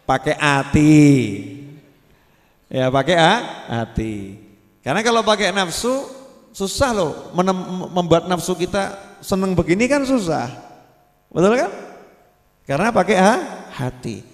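A man's voice: sits high, unhurried, pauses often. A man preaching a sermon, asking the crowd questions and drawing out his words. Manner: lively, asks the crowd questions and draws out words. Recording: long hall reverb.

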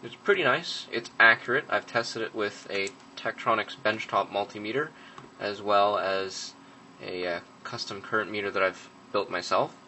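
A man's voice: on the low side, moderate pace, bright, forceful tone, a little hiss or hum, rough recording. A young man giving a casual hands-on review of a gadget at a workbench, matter-of-fact, with frequent ums and uhs. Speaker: product reviewer.

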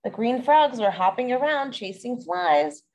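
A woman's voice: fairly high pitch, lively intonation, a little slow, darkish tone, poor audio. A woman reading a children's story aloud as a storyteller, adding playful asides to young listeners.

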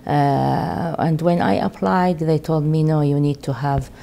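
A woman's voice: sits low, fairly even intonation, a little slow, creaky, warm tone, slight background noise. A middle-aged woman from Iraq with an Iraqi accent, speaking hesitantly with many fillers in a documentary interview. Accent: Iraqi Arabic. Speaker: refugee doctor interviewee. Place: indoor room with window.

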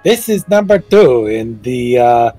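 A man's voice: mid-range voice, very animated, unhurried, warm tone, dry recording, faint music behind. A man chatting casually and in character as a player in a tabletop game.

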